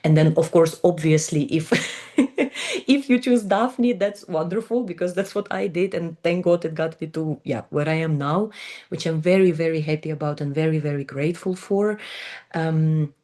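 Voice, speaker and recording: A Ukrainian woman in her twenties, a native Russian speaker, is an interview guest speaking fluent but non-native English. Her voice is low and dark, her pace normal, and her casual talk is full of ums and repeated words.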